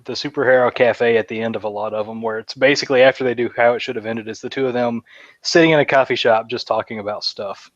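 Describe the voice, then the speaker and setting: A man's voice: mid-range voice, steady tone, fast, no room sound, dull audio. A man co-hosting a podcast, chatting casually and rambling with lots of fillers. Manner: rambling, enthusiastic fan talk with many fillers. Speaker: podcast co-host. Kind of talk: casual chat.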